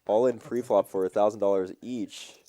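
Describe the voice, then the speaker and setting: A man's voice: on the low side, fairly even intonation, normal speed, mellow. A man co-commentating a live poker stream, breaking down ranges and joking with his partner. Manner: laughs easily, joking, analytical.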